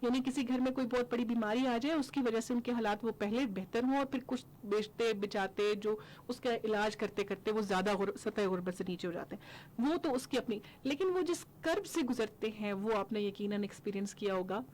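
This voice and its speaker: A woman's voice: fairly high pitch, a little mellow. A young woman from Pakistan hosting a radio studio interview, articulate and summarizing, with frequent affirmations. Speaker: radio host.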